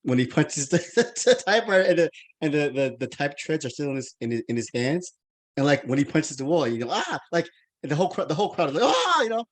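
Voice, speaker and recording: A man's voice: on the high side, sing-song, fast talker. Rambling American man hosting a podcast. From United States. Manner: rambling, many restarts and fillers. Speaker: podcast host. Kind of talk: casual interview chat.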